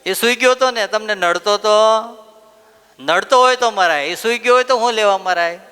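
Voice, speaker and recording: A male preacher voicing an overprotective mother who defends her son with shrill scolding. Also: level tone, normal speed, sharp tone, clean tone, big-room sound, soft background music. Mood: indignant. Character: indignant overprotective mother of a schoolboy.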